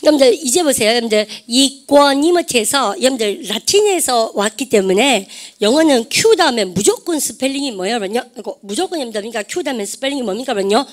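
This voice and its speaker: A woman's voice: a little high, lively intonation, brisk. A woman English teacher lecturing exam students on vocabulary, often asking the class questions and having them repeat the pronunciation. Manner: calls herself ssaem, keeps asking the class questions and drilling pronunciation.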